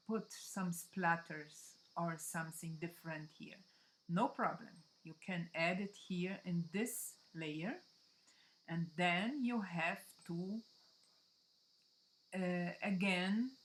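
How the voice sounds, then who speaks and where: In halting English with a Brazilian Portuguese accent, a woman from Brazil, a native Portuguese speaker, guides viewers through software on a screen recording. Her voice is on the low side, and she keeps checking in with "okay?"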